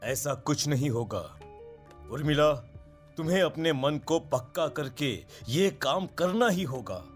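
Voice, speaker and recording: Male actor as ominous priest, fairly high male voice, solemn commands, horror cartoon, faint music. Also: lively intonation, measured pace. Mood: grave, insistent. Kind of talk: animated horror story dub.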